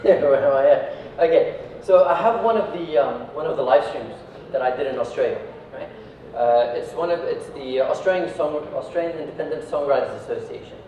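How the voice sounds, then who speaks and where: With a fairly high voice, a slightly fast pace, and few pauses, this Iraqi man gives a chatty talk to an audience, often ending lines with tags like "right" and "yeah." He founded a company. The recording is distant, made in an echoey indoor room, and sounds dull with faint noise.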